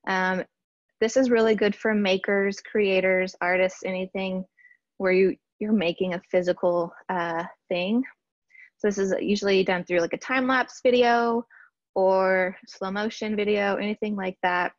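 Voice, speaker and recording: A woman marketing strategist presenting a workshop in a casual, chatty way, often pausing with fillers and restarting sentences. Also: medium pitch, steady tone, dry recording, muffled recording. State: briefly out of breath. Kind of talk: casual slide-based webinar teaching.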